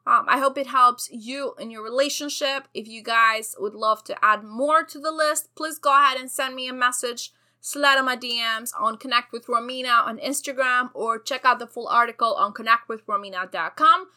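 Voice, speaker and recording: A woman's voice: fairly high pitch, normal speed, hardly any pauses, bright, forceful tone. A woman hosting a solo advice podcast with hyper, over-caffeinated energy, chatty and emphatic as she addresses listeners familiarly. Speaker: podcast host.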